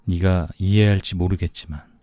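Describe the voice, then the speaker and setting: A man voicing a soft-hearted, newly engaged young man in an audiobook, speaking gently and plaintively. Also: low voice, steady tone, moderate pace, dry recording, close to an everyday voice.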